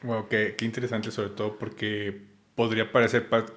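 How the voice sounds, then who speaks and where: Man, podcast interviewer, lowish voice, halting curious questions. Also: little pitch movement, a bit bright. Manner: hesitant, many fillers and restarts, curious. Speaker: podcast host.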